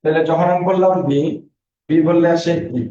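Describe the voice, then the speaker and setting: A man leads a class, reading out student names and asking the same question again and again until they get it. His voice sits fairly high but sounds mellow. He is far from a dull mic in an echoey room. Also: fairly even intonation, moderate pace. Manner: drills students with repeated questions; reads out student names and answers. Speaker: Bangla teacher. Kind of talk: online class lecture.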